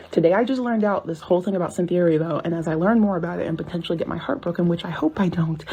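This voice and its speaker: A woman's voice: lowish voice, dark tone, breathy edge. A woman giving an earnest, impassioned social media commentary.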